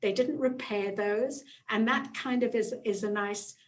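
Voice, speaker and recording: A woman's voice: a little high, unhurried. A middle-aged woman giving an online guided travel presentation in a chatty way, with frequent fillers and restarts. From not from Canada, moved there in the nineties.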